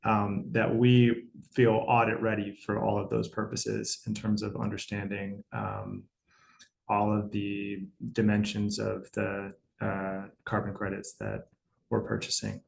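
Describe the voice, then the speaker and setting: A man panelist from a company, answering deliberately with pauses over a video call. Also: fairly low pitch, creaky, low-quality recording. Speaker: corporate panelist.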